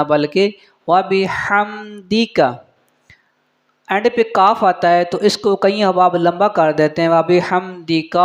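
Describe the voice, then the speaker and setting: A man with a high voice teaches how to recite prayer correctly. He points out common mistakes and repeats each word to show the right sound. Between explanations he chants verses in a slow, drawn-out melody.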